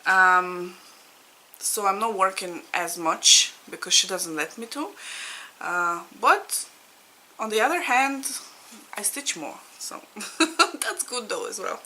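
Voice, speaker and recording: A woman's voice: medium pitch, expressive, slow, pauses often, sharp tone, rough recording. A woman in her thirties from Latvia, a native Russian speaker, chatting casually to camera as a needlework vlogger, laughing often and searching for words. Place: home in Ireland.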